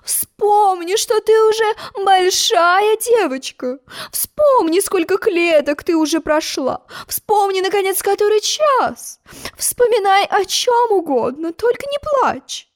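A woman's voice: expressive, takes it slowly, exaggerated voice. A woman voicing a fussy, tearful old queen who shrieks and wails. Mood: coaxing. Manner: wails and shrieks in a high, shrill voice.

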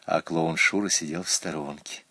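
A man narrating a children's story aloud in an animated, expressive manner. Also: extremely low pitch, moderate pace, slightly rough, no echo.

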